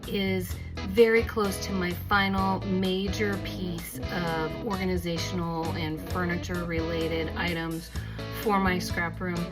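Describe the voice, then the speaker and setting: Female craft vlogger, chatty and upbeat, lowish voice, music under her. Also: level tone, a little slow. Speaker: craft channel host. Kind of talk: casual vlog talk.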